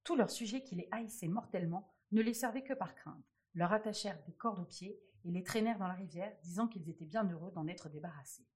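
A woman reading a fairy tale aloud with expressive storytelling. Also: medium pitch, a little fast, few pauses, breathy edge.

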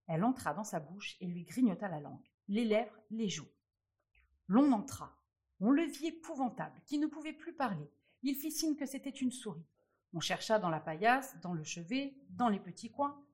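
A woman reading a fairy tale aloud with expressive storytelling. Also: medium pitch, husky.

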